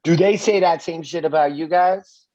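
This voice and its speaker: American host, low-ish voice, wisecracking questioner, dull dry recording. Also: male voice, moderate pace, mellow, no echo. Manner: curious, asks questions, wisecracks. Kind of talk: casual chat. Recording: slightly dull lo-fi sound.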